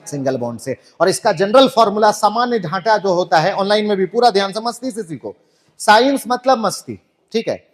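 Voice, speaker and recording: Casting: a man as a joking chemistry tutor, high voice, online class. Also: animated, brisk. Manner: playful, jokey, full of rhetorical questions. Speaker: chemistry teacher.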